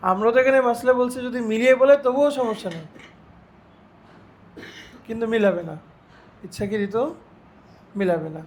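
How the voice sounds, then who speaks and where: High-voiced man teaching a religious lesson. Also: steady tone, slight background noise. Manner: slowly demonstrates Arabic recitations, asks students rhetorical questions. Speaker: Islamic teacher.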